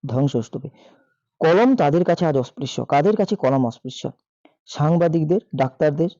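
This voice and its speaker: A hoarse male teacher reads out exam questions and their options, then gives the answers. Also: on the high side, animated, moderate pace, dark tone, no room sound. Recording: dull lo-fi mic.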